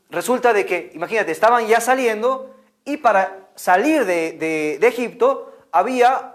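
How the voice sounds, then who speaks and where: A man telling a Bible story to children as a catechist, animated, often checking in with "¿no?" and making sound effects. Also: high voice. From Peru. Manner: animated, lots of "¿no?" and "imagínate", sound effects like "pum".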